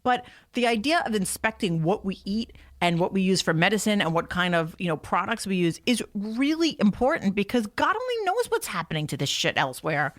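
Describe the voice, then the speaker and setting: A woman's voice: mid-range voice, very animated, a little fast, few pauses, fairly bright tone. A woman co-hosting a casual comedy podcast, chatting and ranting in an emphatic, incredulous, sweary way. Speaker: podcast co-host. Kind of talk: casual comic rant and chat.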